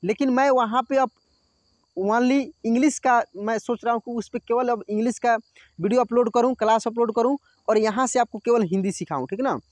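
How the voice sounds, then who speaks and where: A man teaching Hindi reading, drawing out each word slowly and often checking that the learner follows. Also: extremely high pitch, a little mellow, no room sound. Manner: drawn-out word pronunciation, frequent checking "theek hai". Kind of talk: slow spoken reading lesson.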